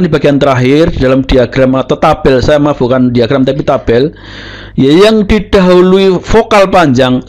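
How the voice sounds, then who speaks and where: A man explains grammar rules at an unhurried, careful pace, his voice sitting a little high. He lingers on each example word and says it twice over, like a patient teacher. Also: rough recording. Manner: deliberate, repeats example words slowly. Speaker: Hebrew teacher. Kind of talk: explaining Hebrew pronunciation rules.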